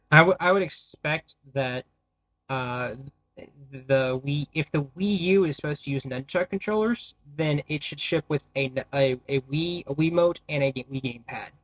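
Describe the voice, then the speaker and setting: A man's voice: medium pitch, no echo. A man co-hosting a podcast in casual chat, often stopping and restarting his sentences. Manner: halting, many restarts. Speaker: podcast co-host.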